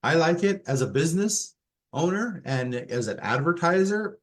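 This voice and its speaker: A man's voice: a little high, animated, normal speed. A man hosting a webinar for plumbers, a marketer who worked as a plumber, talking in a casual, upbeat way full of fillers. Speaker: marketing host, former plumber. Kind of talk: webinar co-host chat.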